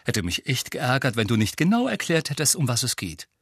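A man voicing a blunt, sarcastic teenage schoolboy who speaks loudly and indignantly. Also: mid-range voice, big pitch swings, fairly quick, no room sound, clean studio sound.

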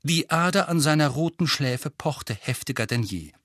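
Lively bright male audiobook narrator. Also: on the high side, moderate pace, dry recording, studio quality. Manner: expressive, lively storytelling.

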